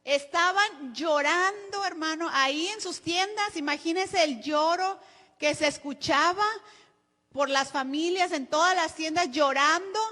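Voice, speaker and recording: Mexican woman pastor, high pitch, preaching sermon in a reverberant church hall. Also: measured pace, bright, forceful tone. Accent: Mexican Spanish. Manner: preaching, addresses congregation as "hermano" often.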